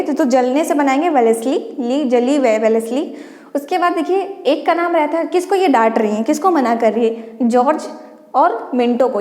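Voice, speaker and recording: A woman's voice: high voice, dark tone. A woman teaching an exam-prep lesson, walking students through a memory trick step by step and often prompting them to look. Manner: explains step by step, often says "dekhiye" to prompt listeners. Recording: echoey room with long reverb.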